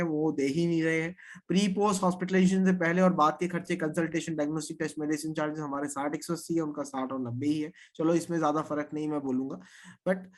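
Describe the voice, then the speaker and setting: A man leading an insurance training session, explaining policy points with confidence and often checking that everyone follows. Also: a little high. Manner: confident, repeats 'theek hai' to check understanding.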